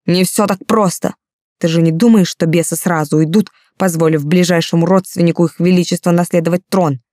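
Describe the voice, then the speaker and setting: A woman reading the lines of a clever, grim male warrior in a firm, measured voice. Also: fairly low pitch, steady tone, warm tone, no echo, studio quality, close to an everyday voice. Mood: harsh.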